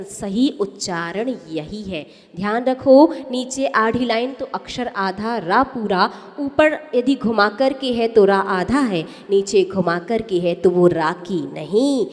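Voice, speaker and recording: A woman's voice: medium pitch, darkish tone, long reverb tail. A woman teaching how to pronounce sacred verses, explaining step by step and putting questions to her listeners. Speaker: religious teacher. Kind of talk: explanatory lesson on recitation.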